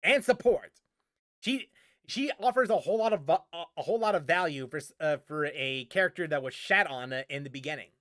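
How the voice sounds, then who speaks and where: Brisk and slightly high, this gaming streamer's voice has a bit of brightness as he chats casually about games with viewers. He tends to ramble and repeats phrases to stress them. The studio-quality sound has no echo.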